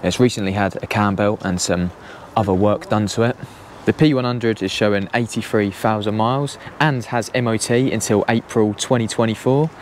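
Young guy, casual car walkaround, chatty and easygoing, action camera outdoors, faint noise. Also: lowish voice. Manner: chatty, easygoing, quick laughs. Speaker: car vlogger. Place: outdoor car auction yard in rain.

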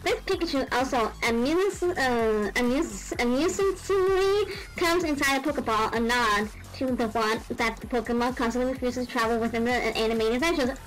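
Giggly high-pitched woman gaming vlogger. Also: normal speed, over music, low-quality recording. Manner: excitable, giggly and rambling. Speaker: gaming video host. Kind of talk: casual gaming vlog.

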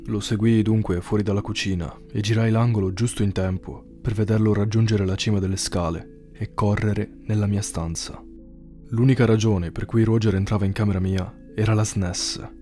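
A man narrating a horror story in a measured, somber scripted read. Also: fairly low pitch, fairly even intonation, mellow, faint music behind.

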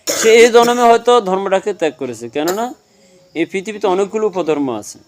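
Man, high-pitched voice, devotional sermon, rhetorical questions, homely examples. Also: animated, fairly quick, slight background noise. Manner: asks questions and answers them himself. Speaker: religious speaker. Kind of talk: devotional talk.

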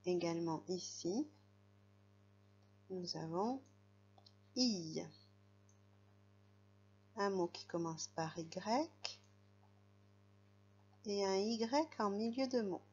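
A woman's voice: mid-range voice, lively intonation, drawn-out words, pauses often, darkish tone, lo-fi sound. A woman teaching a young child to read, patiently spelling out letters and sounds. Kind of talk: reading lesson for a young child.

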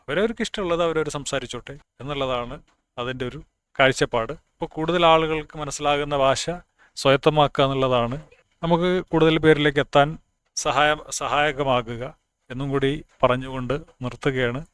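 This speaker on language is a man from Kasaragod, northern Kerala, talking casually in a plainspoken way, thinking aloud and frequently restarting words. His medium-pitched voice moves at a moderate pace with fairly even intonation, and it sounds fairly bright, clear and resonant, with no room sound.

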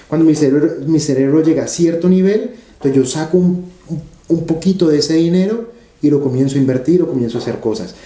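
A man's voice: fairly high pitch, dark tone, reverberant. A man, an interview guest telling stories animatedly and repeating phrases for emphasis. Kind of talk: conversational interview storytelling.

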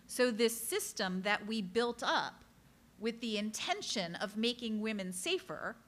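A woman author speaking to a live audience, telling true cases in an earnest, direct way and dropping in quick apologetic asides. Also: a little high, expressive, a bit bright. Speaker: author giving a book talk. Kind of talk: public talk to a live audience.

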